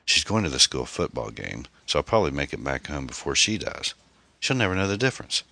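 A man's voice: a bass voice, big pitch swings, a little fast, sharp tone, no room sound, heavily acted. A man playing an anxious, guilt-ridden single mother. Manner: hesitant, worried.

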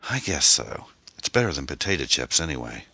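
A man's voice: rumbling low, big pitch swings, fairly quick, pushed and bright, husky, no room sound, exaggerated voice. A man voicing a worried, hesitant middle-aged single mother. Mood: motherly.

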